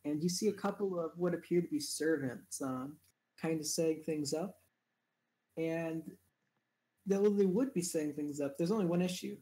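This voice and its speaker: A game master narrating a tabletop session in a relaxed, halting way, with frequent fillers. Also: medium pitch.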